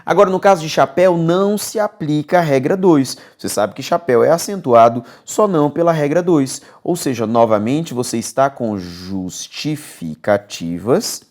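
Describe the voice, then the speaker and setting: A man's voice: fairly high pitch, moderate pace, few pauses. A man with a Brazilian accent teaching an exam-prep grammar lesson, coaxing and repetitive, often checking in with his students. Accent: Brazilian Portuguese. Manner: lively, coaxing, repeats key words, checks in with "beleza?".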